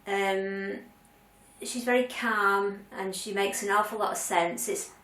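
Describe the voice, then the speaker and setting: In her weekly vlog, a woman in her later years talks casually and openly to the camera, often saying um and starting over. She speaks slowly in a steady, mid-range voice with a slightly bright tone. The mic sits at a distance, giving a roomy sound.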